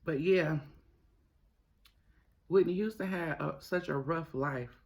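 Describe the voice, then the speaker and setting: A man hosting a mukbang, talking casually to viewers with his mouth sometimes full, gossipy and emphatic, pausing and repeating phrases. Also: fairly high pitch. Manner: talks while eating, mouth sometimes full. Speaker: mukbang host. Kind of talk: casual chatty commentary to viewers while eating.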